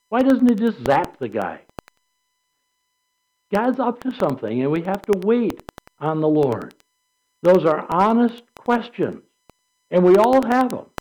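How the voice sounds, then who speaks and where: A man's voice: high-pitched, darkish tone, low-quality recording. An older man preaching a sermon in a conversational way, asking rhetorical questions. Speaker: pastor.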